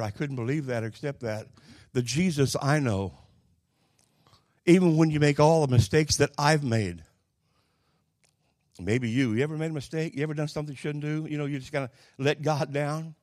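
An older Pentecostal preacher from Oklahoma, United States, delivers a sermon with personal storytelling. His fairly high voice has a darkish tone, and the recording is dry and close. His manner is folksy and plainspoken, halting with pauses and repetitions.

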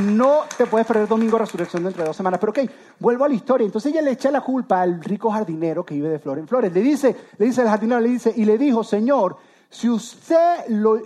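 A man's voice: sits high, mellow. A man preaching a sermon as pastor, talking conversationally and straight to his listeners, often restarting and repeating words. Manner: conversational, addresses listeners directly.

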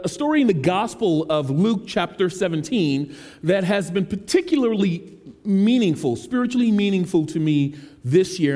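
High-voiced man preaching in a reverberant hall. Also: darkish tone. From United States. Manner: casual, self-deprecating and joking. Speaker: teaching pastor. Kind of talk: conversational sermon. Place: large church sanctuary.

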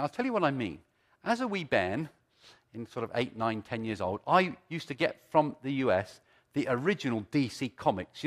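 Male preacher, mature, lively intonation, conversational storytelling style with rhetorical questions. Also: medium pitch. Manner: conversational, repeats phrases for emphasis, rhetorical questions. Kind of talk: sermon with storytelling and teaching.

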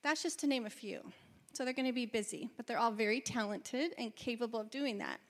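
High-voiced woman reading church announcements. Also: a little fast. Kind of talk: informal announcements read from notes.

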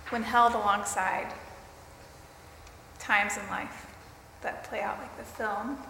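A woman leading a guided mindfulness meditation for a group, speaking deliberately in short phrases with pauses between them. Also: mid-range voice, steady tone, sharp tone. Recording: roomy, reverberant hall with clear background noise.

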